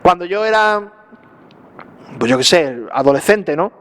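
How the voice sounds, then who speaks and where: A man preaching a Sunday sermon as pastor, conversational and lively, often asking the congregation questions and acting out little asides. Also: high-pitched, unhurried. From Spain.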